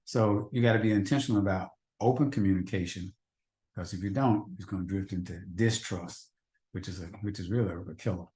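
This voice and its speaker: A man with a low, dark voice speaks briskly while teaching a faith-based marriage class in an echoey room. Earnest and repetitive, he puts rhetorical questions to the husbands in the audience.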